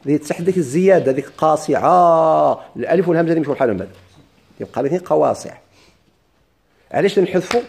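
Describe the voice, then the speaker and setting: Moroccan male grammar teacher, mellow tone, drilling call-and-response. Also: a little high, gravelly. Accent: Moroccan Arabic. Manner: drills students with questions and answers; chants verse slowly. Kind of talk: classroom lesson with questions.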